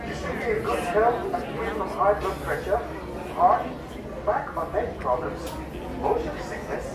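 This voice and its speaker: A ride safety announcer delivering a prerecorded announcement over an outdoor loudspeaker, with clear, lively enunciation. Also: mid-range voice. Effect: outdoor loudspeaker playback. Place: outdoor ride boarding area. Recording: echoey loudspeaker from far off, crowd chatter.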